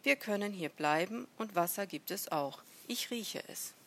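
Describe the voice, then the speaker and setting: A woman voicing a small, calm talking camel with a soft, breathy delivery in a storybook reading. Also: mid-range voice, measured pace.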